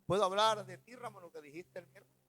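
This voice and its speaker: A man, a pastor preaching a sermon, swinging between loud and soft as he retells stories in the first person. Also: fast, faint music behind, poor audio. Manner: preaching with dramatic swings in loudness and pitch.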